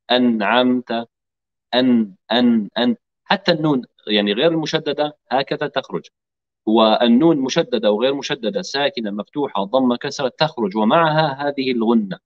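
A man teaching Quran recitation rules, explaining letter articulation and drilling each sound slowly for students to repeat. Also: mid-range voice, muffled recording. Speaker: tajweed teacher. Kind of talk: online recitation lesson.

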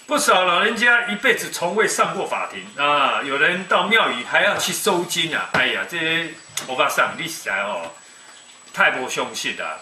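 A man in his fifties with a Taiwanese accent, giving folksy, animated commentary on the news. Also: fairly high pitch. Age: 50s. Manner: animated, folksy, mixes Mandarin and Taiwanese Hokkien. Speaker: web TV commentator. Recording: echoey room, distant mic, faint noise.

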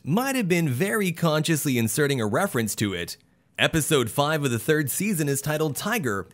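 Male narrator, scripted entertainment voice-over, upbeat, slightly high voice with lively pitch.

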